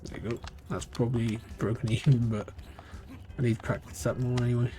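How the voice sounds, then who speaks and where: A man's voice: mid-range voice, flat delivery, a little fast, over music. A man with a British accent that drifts between regions, chatting and thinking aloud while he streams a live speedrun. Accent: British, shifting between regions. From Britain. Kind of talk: live-stream gameplay commentary.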